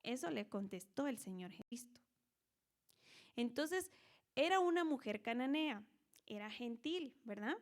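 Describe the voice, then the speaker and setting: A woman with a somewhat high voice teaching scripture in an online discipleship class. She talks in a relaxed, conversational way and keeps checking in with her listeners. She slips into the voices of the people in the story to bring it to life. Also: measured pace, long pauses. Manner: conversational, frequent tag questions; dramatizes scripture characters. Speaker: Bible teacher. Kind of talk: online Bible study teaching.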